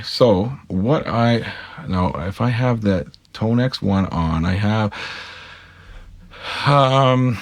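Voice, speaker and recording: A man's voice: fairly low pitch, creaky, slightly rough, no echo. A man giving a casual step-by-step tutorial, chatty and self-correcting, speaking straight to his viewers. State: talking with a pick in his mouth. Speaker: guitar gear tutorial maker. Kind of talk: casual screen-capture tutorial.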